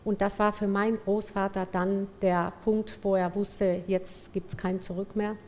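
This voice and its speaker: Slow, reflective woman with pauses. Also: medium pitch, flat delivery, darkish tone. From Ecuador. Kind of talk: personal testimony.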